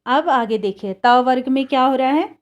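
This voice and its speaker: A woman's voice: sits high, moderate pace, muffled recording. A woman teacher giving a patient lesson on how speech sounds are made, having children repeat after her. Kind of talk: classroom lesson on pronunciation.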